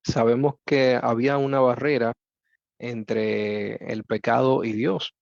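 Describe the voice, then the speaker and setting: A man with a Dominican Spanish accent teaching a Bible lesson, slow and reflective with frequent pauses. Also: medium pitch, little pitch movement, creaky, a little mellow, dry recording, lo-fi sound. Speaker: Bible study co-host.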